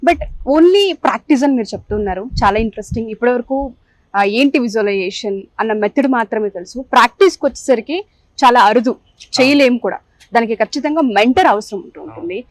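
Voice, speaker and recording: ఉత్సాహంగా ప్రశ్నలు అడిగే మహిళా host. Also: female voice, a little high, expressive, brisk, no echo, rough recording. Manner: cheerful, asks repeated questions. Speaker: interviewer host. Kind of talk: interview questions. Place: outdoors in nature.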